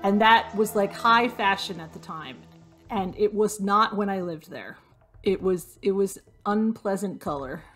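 A young adult woman casually commenting while she plays a hidden-object game, thinking aloud and joking at her own expense, her voice slightly hoarse and fading. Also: medium pitch, a little slow, a bit bright. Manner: chatty, self-deprecating, thinks aloud while searching. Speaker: gaming video host. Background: faint game music.

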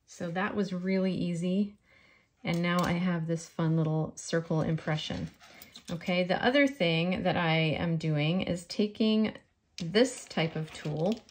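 A woman's voice: fairly low pitch, a little slow. A woman with a faint New York accent giving a friendly step-by-step polymer clay crafting tutorial.

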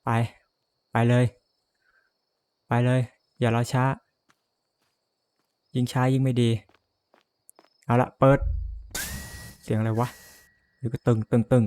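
A man's voice: mid-range voice, little pitch movement, slow, pauses often, a little mellow, smooth, no room sound. A man playing a horror game and commenting as he goes, jumpy, cursing and laughing nervously. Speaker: gamer.

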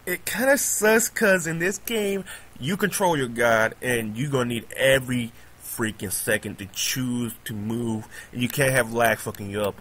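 A man casually commenting on his own game as he plays, excitable and prone to repeating himself. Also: medium pitch, low-quality recording. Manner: excitable, repeats pleading words, laughs often. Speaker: gamer recording gameplay commentary. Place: at home on a laptop.

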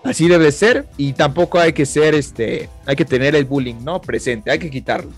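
A man's voice: on the high side, normal speed, breathy edge, faint music behind. A man with a Mexican accent, co-hosting a podcast in a laid-back way, with many fillers and short agreements. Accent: Mexican Spanish. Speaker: podcast co-host. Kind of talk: casual podcast chat.

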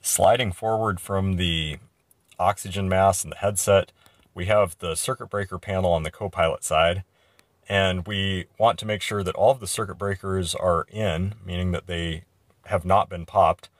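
A man working as a flight instructor, walking through a cockpit check in a relaxed, explanatory way with frequent fillers and restarts, recorded inside an aircraft cockpit. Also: sits low, normal speed, no echo, clean studio sound. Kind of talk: unscripted instructional walkthrough.

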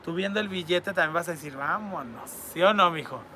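A man's voice: fairly high pitch, a little fast, pushed and bright, slight background noise. A man, reading viewer comments aloud in a campy, crude and teasing comedic chat. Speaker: online entertainer reading fan messages.

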